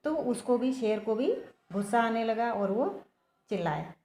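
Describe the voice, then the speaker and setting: In an echoey room, a female teacher reads a story to young pupils and explains it as she goes, frequently asking the children questions during the lesson. Her fairly high voice has lively intonation, a moderate pace, and a slightly mellow tone.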